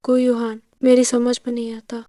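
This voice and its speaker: A woman's voice: a little high, completely flat delivery, moderate pace, warm tone, dry recording, natural voice. An actress dubbing a spoiled, jealous rich young woman with a haughty, whining manner. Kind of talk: dubbed drama dialogue.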